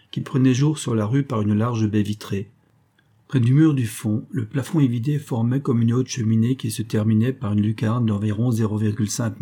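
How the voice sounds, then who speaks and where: A man reading a novel aloud as an audiobook narrator in a measured, storytelling way. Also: mid-range voice, warm tone, breathy edge. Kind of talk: scripted narration.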